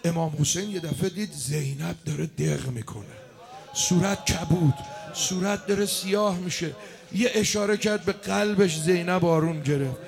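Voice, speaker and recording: A man leading a mourning gathering, speaking and chanting a lament with great passion, at times shouting, at times drawing words out in a slow wail. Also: a little high, vocal fry, music in the background. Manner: impassioned, moves between speech, shouting and slow wailing chant. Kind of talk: Shia mourning recitation, spoken and chanted. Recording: crowd of mourners audible behind.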